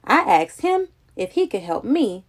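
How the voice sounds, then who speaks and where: Her voice a little high and her pace unhurried, a woman reads aloud from a children's picture book with childlike, dramatic expressiveness.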